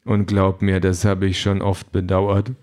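A man voicing a weary, listless male android who talks flat and slow. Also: sits low.

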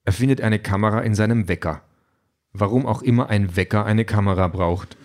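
A man narrating an audiobook in a dry, even storytelling manner. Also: fairly low pitch, a little fast.

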